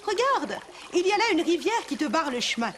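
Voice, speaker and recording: A woman's voice: extremely high pitch, very animated, fairly quick, a bit bright, a little hiss or hum, pitched above the performer's own voice, full character voice. A woman with a Quebec French accent voicing a sly, cunning fox who sweet-talks in a children's cartoon. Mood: coaxing. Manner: coaxing, sweet-talking.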